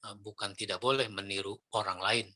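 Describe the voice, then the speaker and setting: Bright-voiced man teaching preachers. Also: on the low side, fairly quick. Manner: lively, demonstrates intonation with examples. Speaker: Islamic preacher trainer. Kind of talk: lecture on preaching technique.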